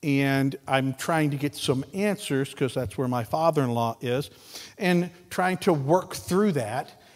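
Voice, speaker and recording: A man's voice: medium pitch, measured pace. A man preaching a sermon as pastor, in a conversational, folksy way with some repetitions. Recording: long reverb of a large hall.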